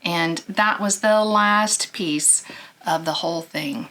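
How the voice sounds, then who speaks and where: A woman's voice: lowish voice, takes it slowly, bright, forceful tone. A woman giving a casual craft show-and-tell, chatty and playful with folksy asides. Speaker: craft vlogger presenting finished makes.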